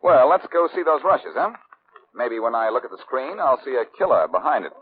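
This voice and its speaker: A man's voice: mid-range voice, very animated, fairly quick. An actor playing a cool-headed, wisecracking male detective in an old radio drama, with dry, sardonic quips. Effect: old radio broadcast. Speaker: detective lead. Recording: tinny old radio recording with faint hiss.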